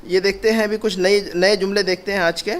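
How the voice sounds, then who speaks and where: A man teaching an Arabic grammar lesson, patiently repeating each phrase slowly and asking his students questions. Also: high-pitched, flat delivery, fairly bright tone.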